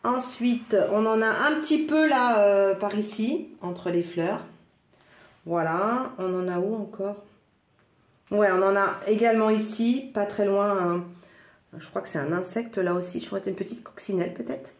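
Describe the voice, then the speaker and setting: A woman from northern France with a northern French accent, chatting excitedly through a crafts unboxing at home, full of little exclamations. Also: mid-range voice, moderate pace. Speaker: crafts vlogger. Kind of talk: casual product unboxing. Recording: roomy echo.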